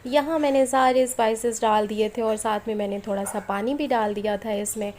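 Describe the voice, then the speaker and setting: Quick-ish and steady, with a darkish tone and a pitch on the high side, this Pakistani cooking vlogger in her thirties speaks through a flu-sore, strained throat. She chats homely and direct to viewers in a voice-over recorded at home, with faint street and household noise.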